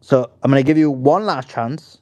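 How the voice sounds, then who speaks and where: A man hosting an online audio debate in a mid-range voice. He speaks firmly and deliberately, calling on speakers and setting rules. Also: medium pitch, darkish tone, lo-fi sound. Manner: firm, measured and reproving. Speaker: host.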